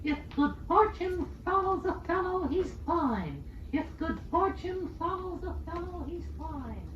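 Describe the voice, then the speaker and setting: Squeaky, high-pitched boyish ventriloquist dummy. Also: male voice, sing-song, a bit bright, distant mic, full character voice. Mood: earnest. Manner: eager, hesitant, repeating practice phrases slowly. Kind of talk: scripted comic instructional dialogue. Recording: roomy, dull, faintly noisy old record.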